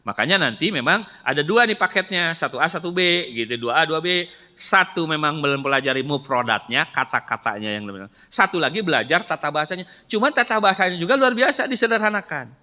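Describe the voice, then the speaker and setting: Lively man teaching Quran. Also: a little high, brisk. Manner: explains patiently, asks rhetorical questions. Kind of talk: Quran study lesson. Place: mosque hall. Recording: reverberant hall sound.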